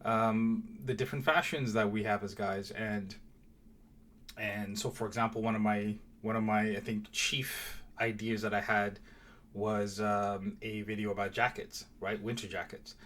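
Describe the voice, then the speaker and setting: A man's voice: lowish voice, flat delivery, a little slow, fairly bright tone. A young man from Mauritius giving a casual, hesitant channel introduction, full of fillers and restarts. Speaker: vlogger. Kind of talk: casual direct-to-camera intro.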